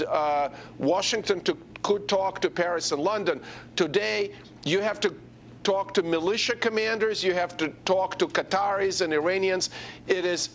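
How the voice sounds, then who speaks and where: A man's voice: sits high, a bit bright, slight background noise. A man speaking as a guest analyst in a televised panel debate, hesitant with frequent fillers.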